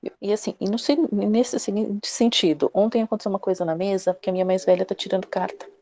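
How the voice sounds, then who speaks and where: A middle-aged woman with a Brazilian accent, sharing personal stories in a live therapy session in a direct, animated way. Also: mid-range voice, fast talker. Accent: Brazilian Portuguese. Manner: direct, animated, acts out quoted dialogue. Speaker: class participant.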